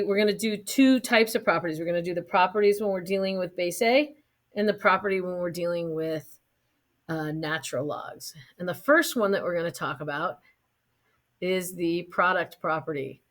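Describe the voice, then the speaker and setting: A woman's voice: medium pitch, fairly quick. A woman teaching a math class in a casual lecture, often checking in with her students and adding light jokes. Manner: casual, keeps checking in with "right?"; light joking asides to students.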